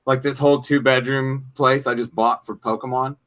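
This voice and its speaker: Podcast cohost dude, joking around, easily stoked. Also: male voice, medium pitch, normal speed. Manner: jokey, excitable, laughing. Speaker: podcast co-host. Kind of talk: casual chat.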